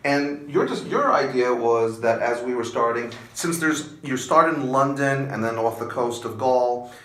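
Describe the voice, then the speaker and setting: A man hosting a laid-back board game review in an echoey room. His voice is bright and forward at an ordinary middle pitch. He talks easily and often chimes in with quick agreement. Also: slight background noise. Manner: easygoing, talks over others, frequent yeahs. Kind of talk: casual review chat. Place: room in Minnesota.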